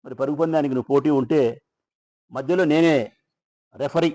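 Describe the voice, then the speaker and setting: A man's voice: on the high side, steady tone, brisk, mellow, close to an everyday voice. A man voicing a clever male fox who makes himself referee and questions the lion in a spoken fable. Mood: officious.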